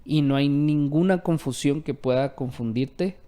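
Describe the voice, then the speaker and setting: Hombre de pódcast cristiano, fervoroso. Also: male voice, on the high side, unhurried, dark tone, smooth. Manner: affirming, fervent, repetitive emphasis. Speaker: co-host.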